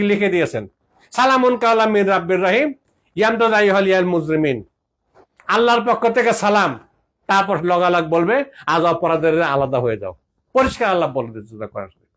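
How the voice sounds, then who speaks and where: A man with a high-pitched voice delivers a preachy health talk as a homeopathic practitioner. He recites scripture between points and drops English phrases into his lecture. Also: a bit bright. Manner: preachy, quotes Quranic verses, mixes in English phrases.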